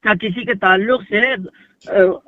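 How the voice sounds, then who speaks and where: Over a muffled, narrowband phone line, a man with a high voice speaks slowly and emphatically as a religious speaker, explaining and declaring at length. He repeats phrases and poses rhetorical questions, and the recording is dry.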